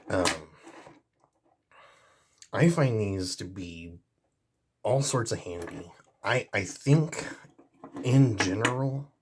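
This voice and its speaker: A man's voice: on the low side, husky. A man reviewing pocket pliers in a casual, rambling vlog. He is easygoing, with many fillers and restarts. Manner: jokey sign-off.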